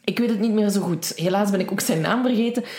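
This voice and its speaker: A woman with a Flemish accent, a podcast co-host, reads a listener's email aloud in a lively way and laughs between sentences. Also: mid-range voice, fast talker, reverberant.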